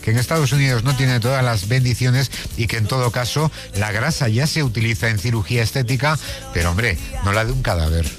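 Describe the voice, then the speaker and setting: A man's voice: medium pitch, fairly quick, faint music behind. A man with an accent from Spain, hosting a radio show in a conversational presenting style. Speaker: radio host.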